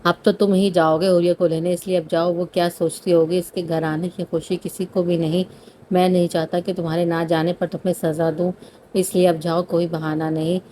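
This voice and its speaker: A woman voicing a protective elder brother who speaks firmly in a low, flat voice. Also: a little hiss or hum, lightly acted. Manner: firm.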